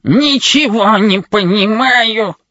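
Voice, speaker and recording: A man voicing a fussy, grumbling male wedding robot with a creaky metallic voice, in an audiobook reading. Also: sits high, takes it slowly, pushed and bright, dry recording, voice pushed up, heavily acted. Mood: plaintive. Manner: pedantic, fussy, complaining. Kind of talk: audiobook character voice. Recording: dull lo-fi recording.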